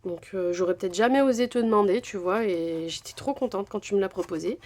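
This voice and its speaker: A woman's voice: mid-range voice, a little fast, darkish tone. Chatty woman gushing over craft gifts. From France. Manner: chatty, gushing, many fillers. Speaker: crafting vlogger. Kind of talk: casual unboxing chat.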